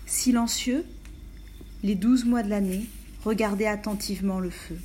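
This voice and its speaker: Woman, fairy-tale narrator, calm storytelling, occasional whispers, dark mellow voice. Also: medium pitch, moderate pace, slight background noise.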